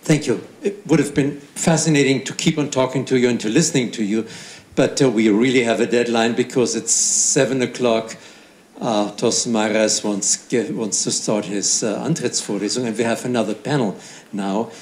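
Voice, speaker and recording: A man's voice: medium pitch, steady tone, normal speed, darkish tone. A man moderating a panel, speaking politely and a little hesitantly. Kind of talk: closing a panel. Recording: roomy hall with faint ambience.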